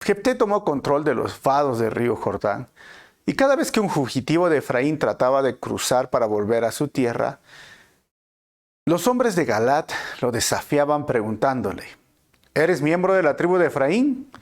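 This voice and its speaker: A man with a Peruvian Spanish accent teaching a Bible passage in a conversational way, often checking in with his listeners. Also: moderate pace. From Peru. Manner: conversational, frequent tag questions, animated swings in pitch. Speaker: pastor.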